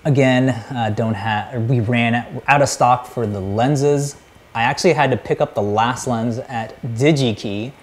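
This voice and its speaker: Low-key man co-hosting a maker show. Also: a little slow. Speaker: co-host. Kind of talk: casual live show chat.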